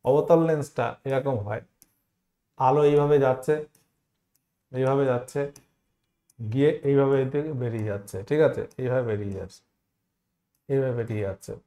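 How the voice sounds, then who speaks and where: A man's voice: medium pitch, dark tone. A man teaching an exam-prep science lesson, explaining step by step, repeating key terms and asking the students questions.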